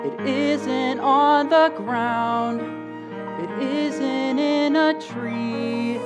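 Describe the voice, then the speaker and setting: Woman as a hapless, fretful boy: slow, self-doubting, a bit high, live musical stage sound with instruments. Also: steady tone, over loud music. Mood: hopeful singing. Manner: anxious, self-doubting, talks to himself. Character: gloomy hapless young boy, Charlie Brown. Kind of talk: stage musical acting and singing. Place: community theater stage.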